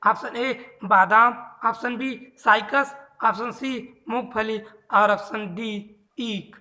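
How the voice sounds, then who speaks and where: A man's voice: sits high, sharp tone. A man teaching exam prep, reading out multiple-choice questions and repeating each answer while coaxing his listeners.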